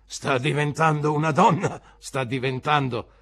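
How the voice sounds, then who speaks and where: Lady reading as a big-hearted old fisherman guy, loud and slow, voice pushed up high, husky. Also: fairly even intonation, full character voice. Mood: proud. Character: hearty simple older fisherman, warm-hearted and proud.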